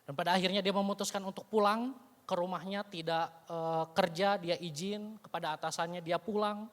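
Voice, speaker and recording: A man's voice: sits high, steady tone, normal speed, a bit bright. A man preaching a sermon, telling a story in a conversational way with frequent casual tag phrases. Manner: conversational, frequent "you know" tags, dramatic retelling. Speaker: evangelist preacher. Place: church sanctuary. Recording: long church hall reverb.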